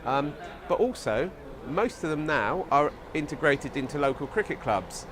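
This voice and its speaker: A man's voice: a little high, lively intonation, normal speed. A man from a youth charity explaining its work in an interview, earnest and sometimes searching for words, recorded outdoors at a cricket ground. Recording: outdoor recording with clear background noise.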